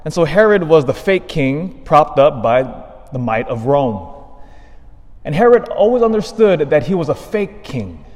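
With a fairly high, sing-song voice of darkish color, a male priest reads from the Gospel and delivers a sermon at Mass. The long reverberation of a large church carries his words. Measured reading gives way to rising, emphatic stresses.

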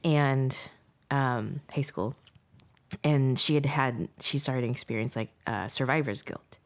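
A woman's voice: very deep voice, unhurried. A woman in her thirties co-hosting a podcast, chatting casually and reflectively, thinking aloud in a rambling way. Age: 30s. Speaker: podcast co-host.

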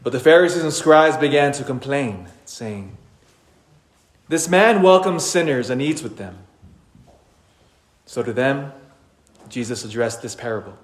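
A priest reading the Gospel at Mass in a measured, unhurried way, heard with a cathedral echo in a large church. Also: male voice, mid-range voice, lively intonation. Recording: roomy church reverb.

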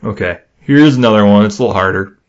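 A man's voice: fairly low pitch, quick pace. A young man from Michigan's Upper Peninsula with a Yooper accent, chatting casually and rambling as a podcast host. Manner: chatty, rambling, laughs easily. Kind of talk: casual chat, quizzing co-host. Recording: dull lo-fi podcast audio.

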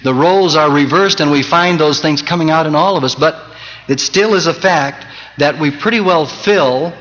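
A male pastor delivering a Sunday sermon, swinging from loud emphasis to soft, close tones and quoting scripture in old-fashioned cadence. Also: a little high, normal speed. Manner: preaching with wide swings in loudness and emphasis. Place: church sanctuary. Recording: dull 1980s church tape with long reverb.

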